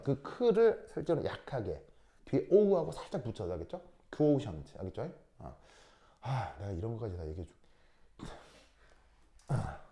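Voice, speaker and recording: A man's voice: mid-range voice, warm tone. A man teaching a chemistry class, lecturing and drilling pronunciation, often asking whether students follow. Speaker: high school chemistry teacher.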